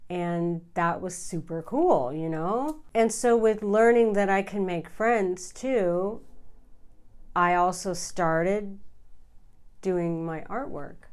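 A middle-aged woman telling her story candidly to camera, informal and confiding, with deliberate pauses. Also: lowish voice, a little mellow, smooth. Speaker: vlogger. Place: small furnished room indoors.

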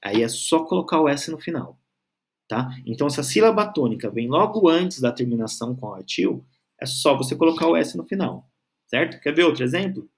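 A male teacher with a slightly higher voice and very lively intonation. He explains grammar patiently, drags out syllables when he spells words, and keeps checking that the learner is following. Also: a little fast. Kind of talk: online grammar lesson.

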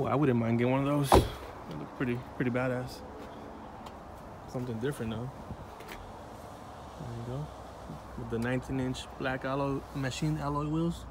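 A man filming on a phone in a car lot, showing viewers a new car in a relaxed, offhand way. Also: mid-range voice, background noise. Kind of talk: casual walkaround video. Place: outdoor car dealership lot and inside a car. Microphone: phone held in hand while filming.

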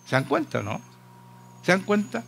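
Impassioned Chilean preacher man, gravelly. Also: sits high, wildly swooping pitch, moderate pace, fairly bright tone, slight background noise. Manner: impassioned, urgent rhetorical questions. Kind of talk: sermon.

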